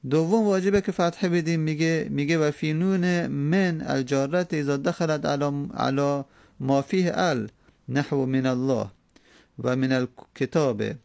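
Gravelly-voiced man teaching grammar. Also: fairly high pitch, a little mellow, dry recording. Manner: patient, repeats examples, rhetorical questions. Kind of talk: classroom lesson explaining grammar rules.

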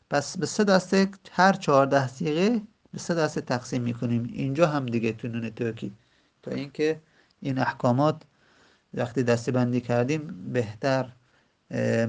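A man teaching an Arabic grammar lesson, slowly repeating words and drawing out examples with frequent hesitant fillers. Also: mid-range voice, vocal fry.

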